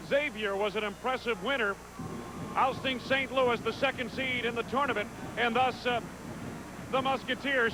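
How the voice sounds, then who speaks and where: A man hosting a live basketball broadcast as play-by-play announcer, setting things up in commentary style. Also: very high voice. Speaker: play-by-play sports broadcast host. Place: indoor basketball arena. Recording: noisy live broadcast from an arena.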